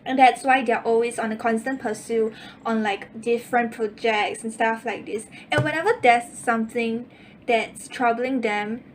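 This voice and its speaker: A woman's voice: on the high side, slight background noise. A young woman giving a casual tarot reading, chatty and repetitive, with many fillers. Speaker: tarot reader.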